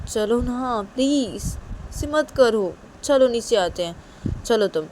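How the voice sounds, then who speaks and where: Woman doing a high pleading young lover. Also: steady tone, fairly quick, a little mellow, a little hiss or hum, natural voice, rough recording. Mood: pleading, coaxing. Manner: raised, pleading and repetitive.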